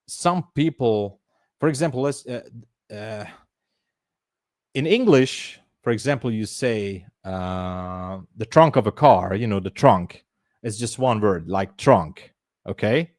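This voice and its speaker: A man's voice: on the low side, slow pace, a little mellow, dry recording, clean studio sound. A man from Hungary with a Hungarian accent, hosting a casual trading livestream, chatty and upbeat as he greets chat. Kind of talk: casual live-stream chat.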